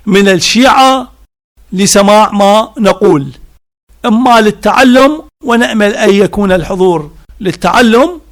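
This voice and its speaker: A man giving a religious lecture, slow and deliberate, stacking synonyms one after another with emphatic repetition. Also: high-pitched.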